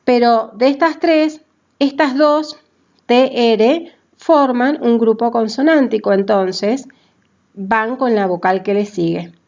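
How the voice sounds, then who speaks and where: Slow, deliberate woman teaching grammar. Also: fairly high pitch, a little mellow, muffled recording. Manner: deliberate, spells out letters and syllables, checks in with "¿sí?". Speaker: language teacher. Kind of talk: classroom grammar explanation.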